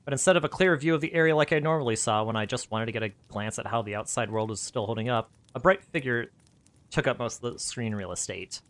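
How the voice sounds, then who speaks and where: A man reading his own story aloud in an animated way, laughing at his own asides. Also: medium pitch, fast.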